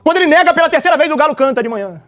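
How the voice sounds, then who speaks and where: A man, preaching an animated, dramatic sermon and often tossing out little tag questions. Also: extremely high pitch, rapid-fire, soft background music.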